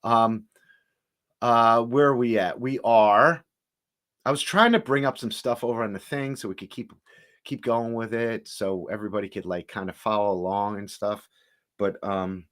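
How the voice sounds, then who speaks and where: A man hosting a casual home livestream, rambling and stop-start as he greets viewers in the chat. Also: fairly low pitch. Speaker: livestream host reviewing cannabis.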